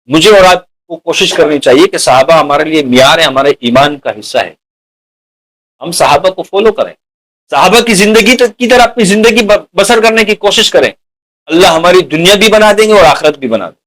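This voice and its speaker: High-voiced man preaching a sermon. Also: lively intonation, a bit bright, poor audio. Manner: rhetorical questions to the audience; addresses listeners as dear companions.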